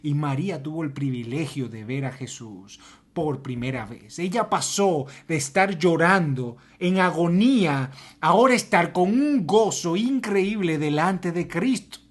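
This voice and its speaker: Brief: husky, fairly high-voiced male preacher, dramatic, drops to near-whispers. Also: lively intonation, measured pace. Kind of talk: sermon.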